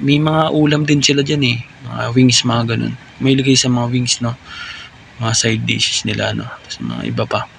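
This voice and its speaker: Chatty Filipino man, gravelly voice-over. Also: mid-range voice, a little hiss or hum. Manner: chatty, rambling, tags lines with "no?"; admits he is still learning voice-over, unsure of his volume. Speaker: vlogger. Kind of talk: casual voice-over narration of a food trip vlog.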